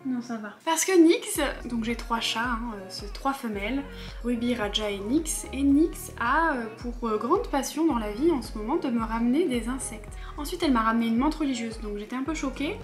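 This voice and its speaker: A young woman with a fairly high voice chats through a beauty haul at home, rambling and a little worked up while laughing at herself. Music plays clearly under her voice the whole time. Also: fairly quick. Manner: chatty, rambling, riled up and self-mocking. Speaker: beauty vlogger. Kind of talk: casual haul chat to camera.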